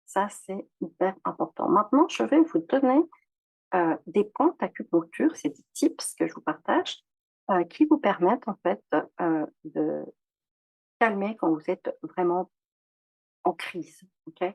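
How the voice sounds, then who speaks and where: Husky gravelly woman coaching calmly. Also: medium pitch, no echo, rough recording. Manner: calm guiding, repeating phrases slowly. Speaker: EFT coach. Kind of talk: instructional demonstration.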